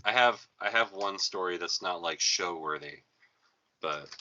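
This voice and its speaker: A podcast host in a casual chat tells a rambling, profane story, his voice a little slow, bright and forceful. The sound is thin and tinny with no bass, like a speakerphone across the room.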